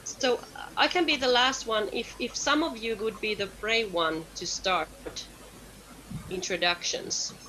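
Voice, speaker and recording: Slow-spoken woman facilitator. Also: a little high, pushed and bright, slight background noise, rough recording. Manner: friendly, laughs often, coaxing. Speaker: session facilitator. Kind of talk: online meeting chat.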